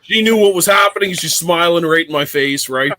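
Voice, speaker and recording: Bright, high-voiced man joking crudely. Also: a little fast, no room sound. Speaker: podcast guest. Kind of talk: casual chat.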